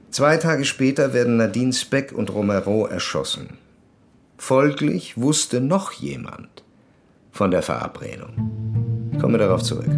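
With a fairly low male voice, an actor plays a determined, grim police commissaire in a crime radio drama. His delivery is deliberate and formal.

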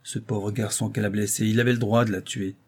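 A man voicing a gossipy, blunt middle-aged housewife in an audiobook, speaking in sharp, indignant exclamations. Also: lowish voice, little pitch movement, fast, husky. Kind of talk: audiobook character reading.

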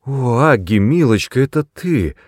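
A man's voice: fairly low pitch, normal speed, mellow, dry recording, studio quality, lightly acted. A man voicing a timid, anxious middle-aged mother who talks in a fretful, pleading way.

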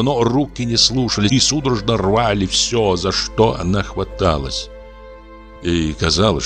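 A man narrating a literary story as an audiobook reader, in a measured, expressive way. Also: deep voice.

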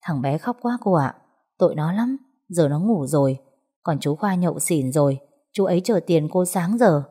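A frightened middle-aged helper, timid and nervous, pleading softly, as a woman storyteller puts her on. The voice is low and mellow. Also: animated, moderate pace, slightly rough. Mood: fearful.

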